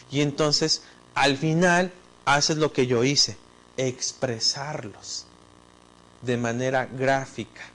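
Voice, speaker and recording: A man's voice: mid-range voice, a bit bright. A male teacher, explaining concepts step by step in an online lecture and speaking directly to the student.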